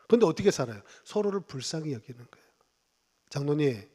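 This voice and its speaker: A man in his fifties preaches a Sunday sermon with a fairly high voice. He talks to the congregation in a chatty, joking way and punches key words loudly. The long reverb of a church hall hangs around every phrase. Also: sing-song, quick pace, husky. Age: 50s. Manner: conversational and humorous, with sudden loud emphasis and acted quotes. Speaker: pastor. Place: church sanctuary.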